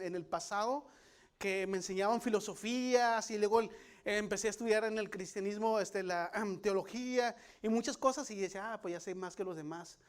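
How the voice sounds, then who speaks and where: A middle-aged pastor with a fairly high voice shares his testimony in a halting, confessional way. He restarts often, leans on fillers, and keeps calling the congregation his brothers. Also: clear, resonant tone. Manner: confessional, addresses listeners as brothers. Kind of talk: personal testimony sermon.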